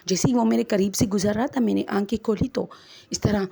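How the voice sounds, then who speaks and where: A woman's voice: medium pitch, creaky, mellow, husky. A woman, chattily retelling a first-person ghost story to her listeners as friends and acting out the quoted dialogue.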